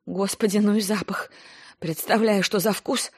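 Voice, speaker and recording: Brief: a woman playing a sick, irritable professional woman, sarcastic, husky. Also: medium pitch, fairly even intonation, normal speed, a little mellow, lightly acted. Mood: irritated. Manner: exasperated and sarcastic.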